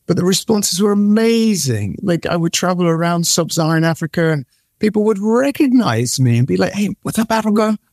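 A high-pitched middle-aged man talks a little fast, captured in clean studio sound without any room echo. He's a guest in a casual interview, Nigerian by birth and brought up in the UK since age eight. Animated as he tells his stories, he often repeats himself and restarts.

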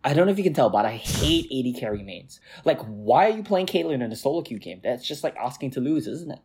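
A man's voice: medium pitch, fast talker, breathy edge. A man co-hosting a gaming podcast, talking casually and getting worked up as he rants about teammates. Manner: excitable, worked up, ranting. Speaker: podcast co-host, jungle player.

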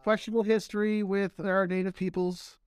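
This American man's voice is high, brisk and clean-toned, recorded with no room sound. A marketing professor who also vlogs about travel, he spins animated stories during a casual podcast conversation and mimics the voices of anyone he quotes.

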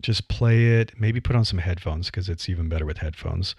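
This low-pitched, brisk speaker is a middle-aged podcaster and writer with a Midwestern American accent. His tone is darkish and a bit breathy as he reflects conversationally on voice delivery, dropping frequent "you know"s and laughing lightly. It's a dry recording.

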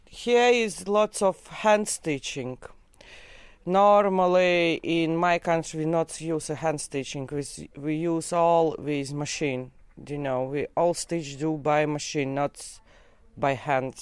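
Slow, clear-voiced man with a Latvian accent. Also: a little high, no echo. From Latvia, Riga. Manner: simple, halting non-native English. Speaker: garment worker in a tailoring workshop. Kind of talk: casual interview answers.

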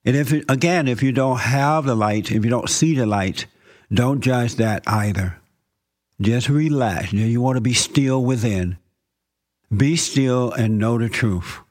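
A man with a medium-pitched voice guides a meditation, speaking slowly and calmly. His instructions include repeated phrases and scripture.

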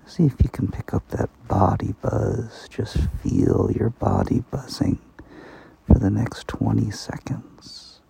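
A man softly guiding a sleep meditation, speaking slowly and slipping into whispers. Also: fairly low pitch, wildly swooping pitch, vocal fry, slightly rough, rough recording. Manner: slow, soft-spoken, partly whispered. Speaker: meditation guide.

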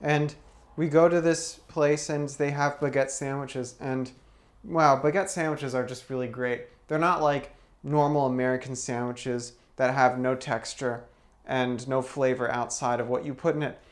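A man's voice: medium pitch, steady tone, normal speed. A young man co-hosting a podcast, telling stories in an easygoing way. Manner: easygoing, storytelling. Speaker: podcast co-host. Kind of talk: casual chat.

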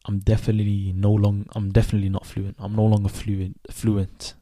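A man in his twenties, raised in Sweden, hosting a reflective solo podcast in a thoughtful, unhurried way with many restarts. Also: lowish voice, completely flat delivery, dark tone, dry recording. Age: 20s. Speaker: podcast host.

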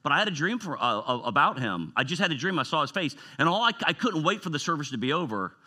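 A man's voice: on the high side, sing-song, quick pace, sharp tone. A middle-aged man, a retired pastor telling personal stories in an informal, conversational sermon. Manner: storytelling, conversational, emotional asides.

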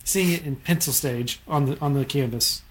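A man's voice: mid-range voice, moderate pace. A man in casual conversation, recalling things in a rambling, unsure way with many fillers.

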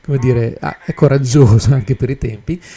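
A man's voice: medium pitch, normal speed, dark tone. A man hosting a live podcast, talking casually and hesitantly while fiddling with his equipment. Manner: hesitant, full of fillers and restarts while working the gear. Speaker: podcast host.

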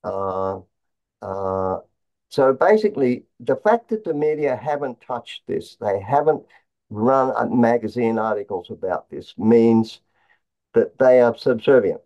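A man explaining conspiracy theories as an interview guest, in a halting way, often repeating words and restarting his phrases. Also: mid-range voice, animated, creaky. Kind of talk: conspiracy talk, explaining slides. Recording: dull, lo-fi sound.

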